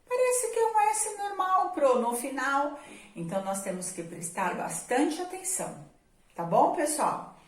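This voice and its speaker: A woman teacher, giving an online spelling lesson and drawing out each example word. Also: fairly high pitch. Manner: drawn-out, stressed example words. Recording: echoey room.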